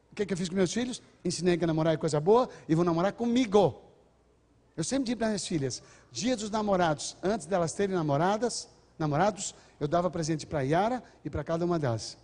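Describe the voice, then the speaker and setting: An older man gives an earnest parenting lecture to a big crowd, now and then acting out what parents and children say to each other. His voice sits a bit high but sounds mellow and dark. A long reverb trails after his words in the hall. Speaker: speaker on parenting. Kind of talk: lecture to a large audience.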